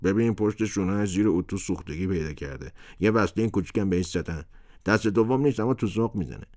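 A man's voice: low-pitched, a little mellow, voice pushed up, lightly acted. A man voicing a shrewd but kindly shopkeeper in a storybook, speaking persuasively.

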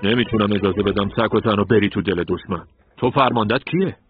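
A man's voice: on the low side, narrow, tinny audio, close to an everyday voice. A man voicing a firm, protective commando leader. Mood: stern.

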